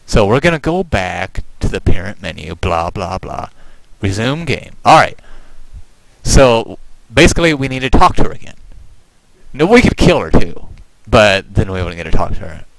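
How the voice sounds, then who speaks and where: A man's voice: lowish voice, moderate pace, dry recording, rough recording. A man, a game developer, giving playful, sarcastic commentary while demonstrating his game. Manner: playful, animated, sarcastic asides. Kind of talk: gameplay walkthrough commentary.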